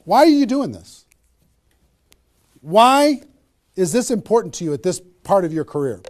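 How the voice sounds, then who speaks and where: A man giving an energetic motivational seminar talk on network marketing, firing rhetorical questions at a live audience. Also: high-pitched, normal speed.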